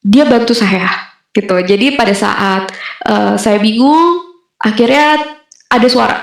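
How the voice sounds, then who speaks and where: A young woman giving a casual personal testimony, pausing often with fillers as she talks. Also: medium pitch, gravelly. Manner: conversational with frequent fillers and hesitations. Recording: very echoey room.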